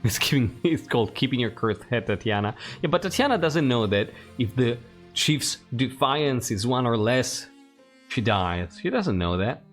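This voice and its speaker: A man plays a game and hosts as he goes, reading the on-screen text and making casual comments, often saying things twice. His mid-range voice is expressive at a normal speed, with soft music underneath.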